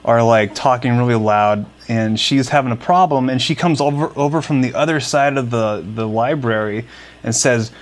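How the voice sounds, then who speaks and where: A man's voice: medium pitch, moderate pace. Young man, casual podcast co-host, rambling delivery with filler words. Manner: rambling, many restarts and fillers. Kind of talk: casual chat.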